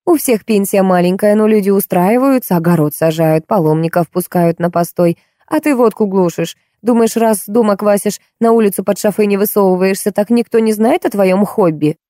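A woman's voice: medium pitch, moderate pace, hardly any pauses, warm tone, no echo, studio quality, lightly acted. Woman voicing a snapping, scolding housekeeper. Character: harsh, scolding female housekeeper, middle-aged.

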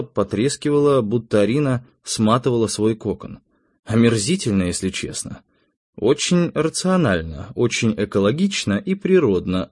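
Low-voiced man narrating an audiobook. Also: dry recording, studio quality. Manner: expressive, measured storytelling.

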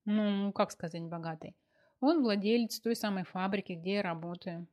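A woman's voice: mid-range voice, moderate pace, a little mellow, lightly acted. Woman doing an eager girlish heroine of a storybook, whiny and sweet. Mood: defensive. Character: young woman in love, pleading, girlish.

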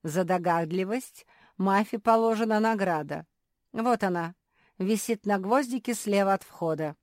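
A woman's voice: mid-range voice, measured pace, a little mellow, dry recording, clean studio sound, pitched above the performer's own voice, lightly acted. A woman voicing a sly old male shopkeeper with ingratiating, sing-song sales patter, in an audiobook. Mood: wheedling. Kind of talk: audiobook character voice.

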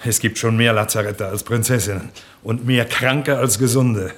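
An actor playing a cynical, educated engineer who speaks in a calm, wry, soothing way, in a 1960s radio drama. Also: male voice, mid-range voice, moderate pace, natural voice. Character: cynical, educated engineer among wounded soldiers.

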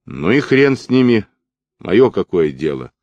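A man voicing a surly, quick-tempered young male partisan who talks roughly, in an audiobook. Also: on the low side, sing-song, darkish tone, dry recording, highs cut off. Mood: scornful. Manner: rough, snapping.

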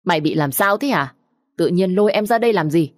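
A woman's voice: fairly low pitch, normal speed, no echo, clean studio sound, natural voice. A woman reading a story aloud, voicing a middle-aged mother who scolds in an exasperated, raised voice. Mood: scolding.

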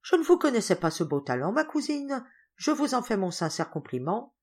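A woman's voice: on the high side, big pitch swings, moderate pace, a little mellow, husky, pitched above the performer's own voice. A woman voicing a stern middle-aged uncle who speaks formally and reprovingly.

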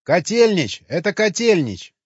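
A man voicing an excitable male cosmonaut who shouts loudly, in an audiobook. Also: high voice, a little fast, husky, dry recording, pitched above the performer's own voice, full character voice. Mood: excited. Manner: excited, loud. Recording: dull lo-fi audio with faint music.

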